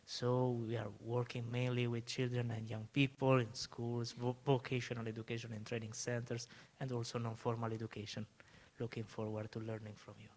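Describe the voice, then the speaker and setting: A man from Italy, a liaison officer, introducing himself in a measured, formal way. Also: medium pitch, flat delivery, darkish tone. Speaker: panel participant, liaison officer.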